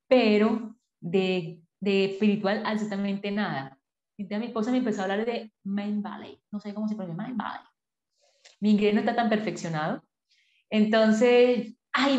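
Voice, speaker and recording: A woman, a podcast guest telling her personal story in an animated way, acting out her past self in quotes. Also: medium pitch. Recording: echoey room, dull lo-fi sound.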